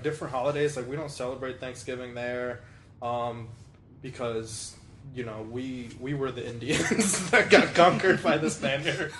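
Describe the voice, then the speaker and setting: A young man from Venezuela, a podcast guest chatting casually, laughing often and filling pauses with ums and you-knows. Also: mid-range voice, fairly bright tone, slight background noise. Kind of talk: casual chat. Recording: roomy echo.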